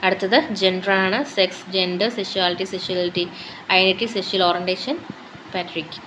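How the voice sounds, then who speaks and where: A woman's voice: on the low side, flat delivery, a little fast, a bit bright, slight background noise, poor audio. A woman with a Malayali accent reading out a course syllabus as a list of topics, in short phrases that switch between English and Malayalam. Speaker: teacher going through a syllabus.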